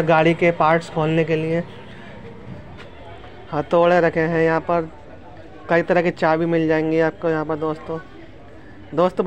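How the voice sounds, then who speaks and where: A man in his thirties casually narrating a walking tour of an outdoor street market, chatty and often addressing viewers as friends, recorded on a handheld phone. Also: fairly high pitch. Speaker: vlogger. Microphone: handheld phone camera. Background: street noise.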